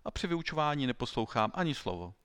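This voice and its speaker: A man voicing a boastful, dim-witted schoolboy in an audiobook, speaking in a high, strained, whiny voice. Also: very animated, a bit bright, clear, resonant tone, dry recording. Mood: smug. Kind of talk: audiobook reading.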